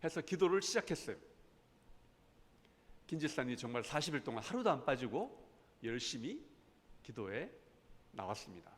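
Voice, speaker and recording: A man's voice: mid-range voice, moderate pace, long pauses. A man in his fifties who teaches a church Bible class, telling a story and acting out the quoted lines of an argument, often putting questions to his audience. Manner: animated, acts out quoted arguments with rising voice. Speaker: professor teaching a lay Bible school. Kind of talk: lecture with storytelling. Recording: long hall reverb.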